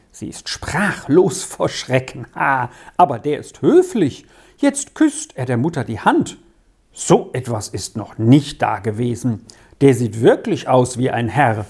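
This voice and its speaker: A storybook reader voicing a cheeky, boastful fourteen-year-old boy who chatters with eager excitement. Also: mid-range voice, a little slow, breathy edge, heavily acted. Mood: excited. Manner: excited, running commentary.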